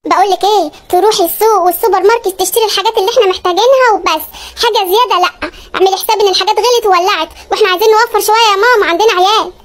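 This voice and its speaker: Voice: extremely high pitch, a bit bright. A comic performer voicing a stingy, nagging husband with an Egyptian accent, haggling over every kilo in a sketch. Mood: scolding. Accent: Egyptian Arabic. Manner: scolding, haggling, fast-talking. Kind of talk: comedy sketch dialogue.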